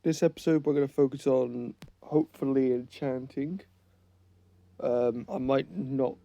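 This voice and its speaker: Unhurried and creaky, a gaming channel host with a cold and a fading voice gives rambling, self-correcting commentary, thinking out loud while he plays. His voice is medium-pitched with a warm tone, and there's no echo.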